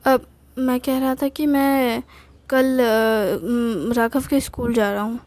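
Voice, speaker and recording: A woman's voice: a little high, steady tone, takes it slowly, a little mellow, dry recording. A woman voicing an older husband who is teasing, sheepish and doting, talking with hesitant stops and fillers in an acted story.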